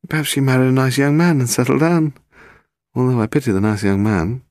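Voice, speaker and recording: For an audiobook, a man voices a chatty, slightly flustered book publisher. His mid-range, slightly mellow delivery is brisk and pitched a bit above his natural voice while staying close to everyday speech, recorded dry and clean in a studio.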